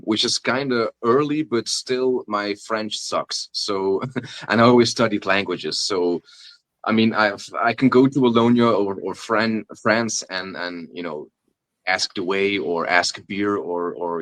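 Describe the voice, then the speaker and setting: This guest is a rapper from Flanders, Belgium, a native Dutch speaker talking casually in an interview. His low, slightly bright voice comes through a low-quality recording without echo, and his speech is halting, full of fillers and restarts, with frequent laughter.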